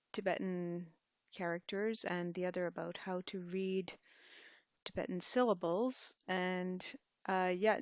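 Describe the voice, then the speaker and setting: A woman tutor talking slowly through a typing lesson, her voice carrying a gravelly edge. She pauses, hedges and corrects herself as she types. The sound is close, dry and a little dull. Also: mid-range voice, no room sound. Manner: relaxed, hesitant, thinking aloud while typing. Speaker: language teacher. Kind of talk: screen-recorded tutorial.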